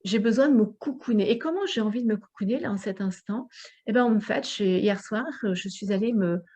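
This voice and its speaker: A woman's voice: medium pitch, fairly quick, warm tone. A woman coach leading a group session, talking expressively and acting out her inner voice. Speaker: personal development coach.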